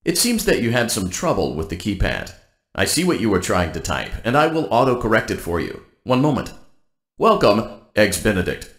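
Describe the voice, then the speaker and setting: Reading scripted announcements in a game, a man portrays a robotic workplace guide who is cheerful and blandly polite, his delivery deadpan yet upbeat and corporately formal. His voice is lowish at normal speed, with a roomy sound.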